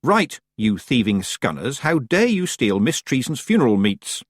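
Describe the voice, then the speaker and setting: A man's voice: medium pitch, sing-song, measured pace, no room sound, clean studio sound. A man voicing a furious young witch girl, clipped and stern, with a slight tinge. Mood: angry.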